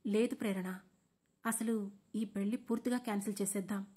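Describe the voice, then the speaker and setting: A woman's voice: mid-range voice, steady tone, fairly quick, dark tone, slightly rough, natural voice. A woman voicing a young man calling off his engagement, hesitant but firm. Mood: tense. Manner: hesitant, firm under pressure.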